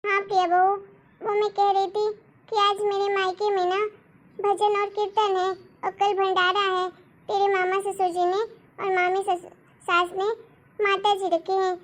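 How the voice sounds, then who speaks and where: A woman voicing a gentle, patient mother who softly coaxes her family in a cartoon story. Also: very high-pitched, little pitch movement, moderate pace. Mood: coaxing. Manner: soft, coaxing, patient. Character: gentle pleading middle-aged Indian mother. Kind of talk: cartoon voice acting.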